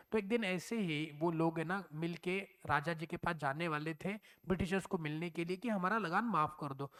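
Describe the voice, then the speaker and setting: A male teacher records an exam-prep lecture, working through material step by step, posing questions and answering them himself, and sprinkling in English terms. His voice is high and fairly bright.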